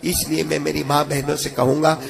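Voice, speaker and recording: A man's voice: a little high, flat delivery, a little fast, creaky, crowd noise. A man preaching a religious sermon to a gathering, impassioned and rising into a chanted sing-song, his voice a bit strained. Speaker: Islamic preacher. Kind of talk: Urdu-Hindi religious sermon.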